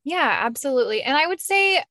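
A woman's voice: high-pitched, expressive, a little fast, bright, forceful tone, no echo, clean studio sound. A woman hosting a podcast interview, chatty and enthusiastic with her guest. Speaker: podcast host.

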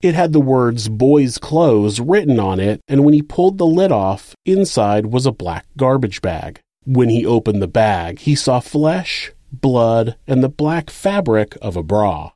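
A man's voice: mid-range voice, big pitch swings, a little slow, few pauses, mellow, no room sound, studio quality. A man with an American accent reading scripted true crime narration as the narrator of the case.

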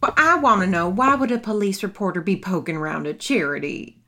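An evasive charity operator in a period drama. She is brisk and defensive in a mid-pitched voice, with faint noise behind. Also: very animated, pushed and bright.

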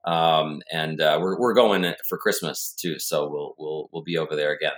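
A man's voice: rumbling low, steady tone, normal speed. A man speaking as a podcast guest, rambling with many restarts.

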